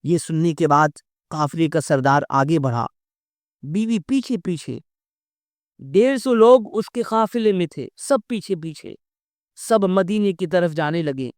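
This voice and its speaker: Guy telling a religious story w/ a high voice, acts out the lines, recites couplets, dry close sound. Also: no room sound. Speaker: religious speaker. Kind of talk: devotional storytelling speech.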